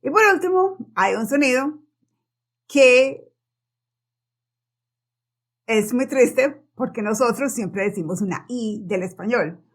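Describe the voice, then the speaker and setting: A woman whose first language is Spanish, teaching English sounds in a casual, repetitive way and often checking in with a quick "ok?". Her voice is wearing thin. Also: fairly high pitch, animated. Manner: chatty, repeats herself, often checks in with "ok?". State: losing her voice. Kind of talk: casual spoken lesson.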